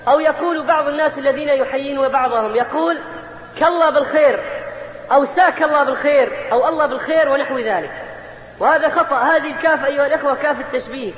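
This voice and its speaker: A man preaching a Friday sermon in a very high voice, moving along at a brisk clip and stretching out key words to stress them. His voice rings through a large mosque hall with a long echo, and the recording sounds muffled and lo-fi. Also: fairly bright tone. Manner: addresses the congregation directly, drawing out words for emphasis.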